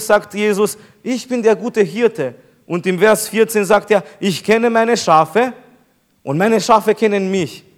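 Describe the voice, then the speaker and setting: A pastor preaching an emphatic sermon to his congregation, slowing down to repeat key phrases. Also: sits high.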